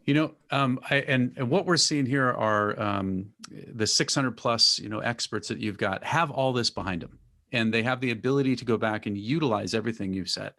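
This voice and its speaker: A man's voice: medium pitch, normal speed, bright, forceful tone. A man hosting a fireside chat, who sums up the guest's points with enthusiasm and prompts with questions. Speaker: host.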